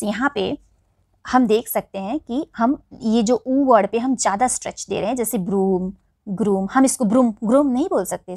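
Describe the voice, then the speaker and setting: A woman with an Indian accent teaching English vowel sounds in Hindi. She spells each word letter by letter and then says it again slowly. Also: fairly high pitch, no room sound, studio quality.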